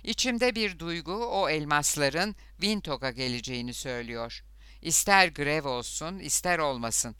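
A man's voice: on the high side, animated, normal speed, bright, forceful tone, smooth, no room sound. A man voicing a fierce, scheming outlaw leader in an audiobook, with bitter, hot-tempered speech. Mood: low, plotting. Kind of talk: audiobook character voice.

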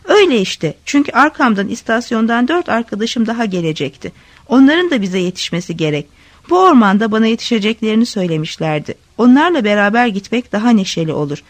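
A woman's voice: on the high side, sing-song, fast, dry recording. A woman doing a cowardly blustering male official.

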